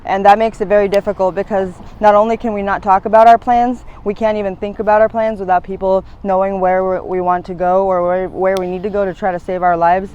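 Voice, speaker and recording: A woman's voice: mid-range voice, flat delivery, fairly quick, hardly any pauses, darkish tone, clean tone, lo-fi sound. A woman in her thirties interviewed on a city street, talking in long, hesitant, rambling stretches full of fillers. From United States, born in Latvia. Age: 30s.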